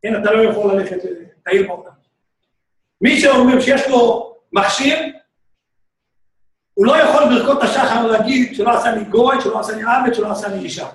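A man teaching a lively, joking Torah class as a rabbi, often shouting out exclamations. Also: high voice. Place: synagogue hall. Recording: echoey room, speaker far from mic.

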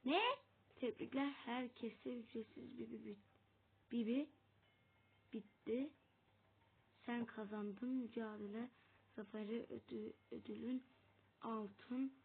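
A woman plays a game on stream and talks at a slow, drawn-out pace, scolding her teammates and chatting with viewers. Her voice sits a little high, with a gravelly fry in it. It comes through a thin, phone-like mic with faint noise behind it. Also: steady tone. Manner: talks to the screen, shouts at teammates, chats with viewers. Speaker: gaming streamer. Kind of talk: casual gameplay commentary.

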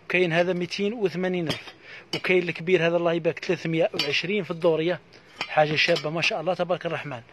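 A man with an Algerian accent giving a live sales pitch for housewares, reeling off prices in a quick patter full of repeated blessings. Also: fairly even intonation, noisy background. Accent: Algerian Arabic. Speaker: housewares shop seller.

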